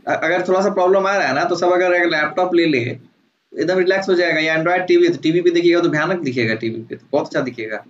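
A man's voice: a little high, fast. A man with a lilt runs a casual online class, ribbing students by name in a slightly raised voice. The video call audio sounds dull, with a faint hiss underneath. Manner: teasing, jovial, calls on students by name. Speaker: teacher.

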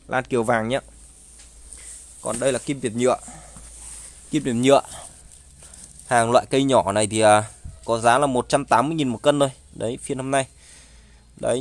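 Male seller, medium pitch, informal price-by-price sales patter with frequent pauses, filmed on a phone outdoors. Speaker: online plant seller. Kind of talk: casual sales pitch listing wares and prices. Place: outdoors, beside goods laid on a tarp. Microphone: handheld phone filming the goods.

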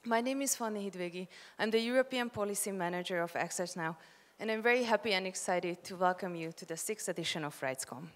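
A young woman gives a measured, prepared opening speech from notes on stage, speaking into a handheld mic. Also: medium pitch. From Hungary. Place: large conference hall, on stage. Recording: long hall reverb.

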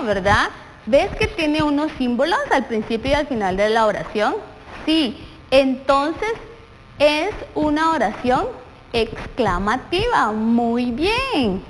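A young woman with a Guatemalan Spanish accent teaching a primary school class on television, encouraging the children and answering her own questions. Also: high-pitched. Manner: encouraging, asks questions and answers them herself. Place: TV studio set with a desk. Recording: long reverb, faint background noise.

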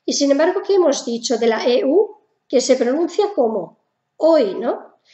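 A woman's voice: sits high, lively intonation, moderate pace, warm tone, reverberant, dull audio. A woman with a Spanish accent from Spain teaching German pronunciation in a casual video lesson, patient and repeating each sound.

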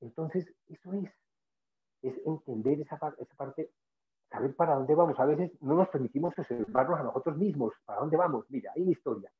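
A man's voice: a little high, brisk. A man guest speaker giving a spiritual motivational talk, earnest and emphatic, repeating phrases to drive points home. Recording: tinny phone-like sound.

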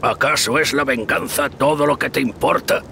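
Gruff, gravelly dwarf warrior. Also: male voice, mid-range voice, normal speed, sharp tone, slight background noise. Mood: reproachful. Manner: gruff, blunt. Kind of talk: scripted fantasy game acting.

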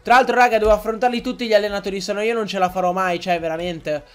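Young man, high voice, gaming commentary, excitable, swears, faint game music behind. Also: fast talker, smooth. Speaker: gaming YouTuber. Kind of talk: Let's Play commentary.

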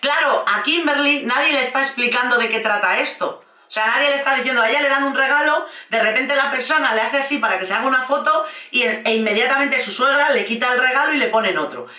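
This woman's voice sits high and comes out fast, pushed and bright, carrying a Spain Spanish accent. She gives a casual, sarcastic take on a reality show, swearing plenty and dramatizing the lines she quotes, recorded a bit away from the mic in an echoing room.

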